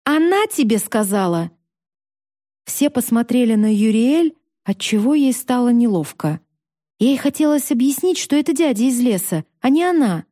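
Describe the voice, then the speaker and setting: Woman reading a fairy tale aloud, mellow and a bit high, dry close sound. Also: expressive, normal speed, dry recording. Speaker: storybook narrator. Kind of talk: expressive fantasy audiobook reading.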